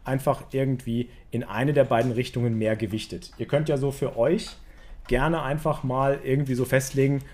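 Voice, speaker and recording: A man's voice: medium pitch, mellow. A man giving a casual online poker lesson, talking straight to his viewers with lots of fillers. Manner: chatty, many fillers, addresses viewers directly. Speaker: poker coach.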